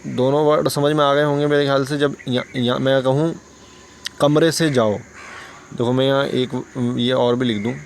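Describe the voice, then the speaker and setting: A man's voice: mid-range voice, steady tone, normal speed, a little hiss or hum. A man teaching an English lesson for beginners, patiently explaining and answering his own questions.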